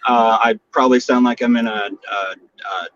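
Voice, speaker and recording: A man's voice: mid-range voice, fairly even intonation, normal speed, crowd noise. Man on a tinny, metallic phone line. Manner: joking, easygoing, rambling with fillers. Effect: tinny, metallic phone sound. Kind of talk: casual chat. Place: in a car. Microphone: mobile phone call.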